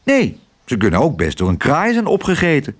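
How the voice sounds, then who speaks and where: A man's voice: fairly high pitch, huge pitch swings, fairly quick. A man voicing a clever, sly male crow in a children's audiobook. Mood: helpful.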